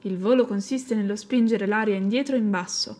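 A woman's voice: medium pitch, a little fast, darkish tone, natural voice. A woman voicing a bookish male cat who explains things in a murmuring, studious way.

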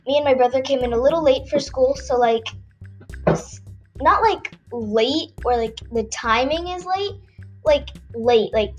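Rambling young woman telling a story. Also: sits high. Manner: rambling, full of filler words. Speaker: podcast storyteller. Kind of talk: casual storytelling.

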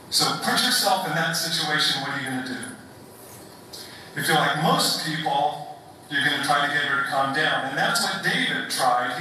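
A man giving a prepared public talk to an audience. He speaks in a measured way, with rhetorical questions and deliberate pauses. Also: a little high, bright, forceful tone, a little hiss or hum. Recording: echoey hall, picked up from a distance.

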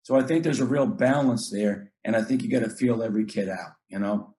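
A man's voice: on the low side, brisk, dark tone. Earnest middle-aged male basketball coach. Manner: earnest, repeats words, acts out talks with players. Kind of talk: casual podcast chat.

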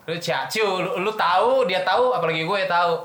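A man's voice: high voice, brisk, a bit bright. A man hosting a casual podcast chat, animatedly quizzing his guests on regional words. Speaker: podcast host. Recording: roomy room, faint background noise.

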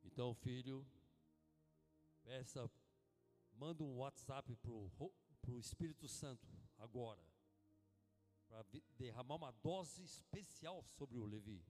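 A man preaching voices God the Father on his throne, speaking slowly and weightily to his son, with music under a long hall echo. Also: mid-range voice, darkish tone, pitched below the performer's own voice, natural voice. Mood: solemn. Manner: slow, weighty, paternal. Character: booming solemn male God the Father on a throne.

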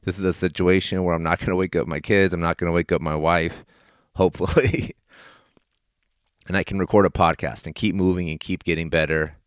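Male podcast host, low register, close dry sound, keeping it down at night while delivering encouraging affirmations. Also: fairly even intonation, a little fast, clean tone, dry recording. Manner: encouraging, addresses listener directly. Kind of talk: motivational affirmations podcast monologue. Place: small plastic play structure in a garage, padded with towels and blankets.

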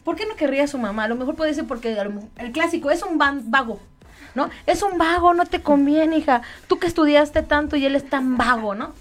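A high-pitched woman co-hosts a relaxed radio chat, talking freely and laughing often. She keeps turning to her listeners with questions. Soft music plays faintly under her voice. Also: fast talker. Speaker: radio co-host. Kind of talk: casual chat show.

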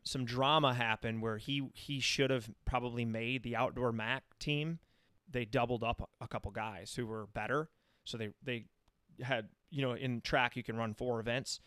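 A man's voice: medium pitch, a bit bright, clean tone, dry recording, clean studio sound. An American man in his thirties talking casually and at length, telling anecdotes as an interview guest. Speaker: interview guest, running coach. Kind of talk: casual chat.

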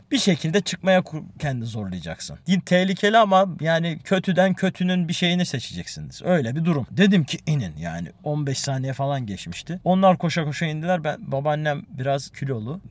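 A young man telling his own story in a casual, emotional way, building in intensity as he relives it. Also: medium pitch.

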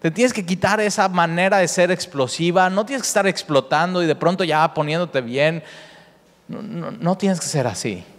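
A man preaching a sermon with animated delivery, often repeating words and rising in pitch for emphasis. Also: normal speed. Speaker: pastor. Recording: echoey hall with long reverb.

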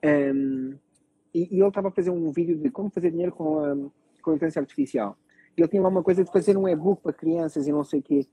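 A man with a European Portuguese accent speaks in rapid-fire bursts, his voice a little high, dark in tone, and slightly rough. As a panelist explaining technology in a casual discussion, he often repeats phrases and checks that listeners are following. The recording is rough, with no room sound.

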